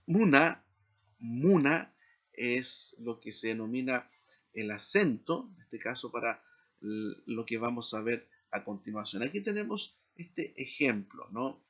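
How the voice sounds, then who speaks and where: A man teaching a seminary Hebrew lesson in a slow, deliberate lecture style, checking in with short tag questions. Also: medium pitch, a bit bright, dull audio. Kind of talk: recorded lecture.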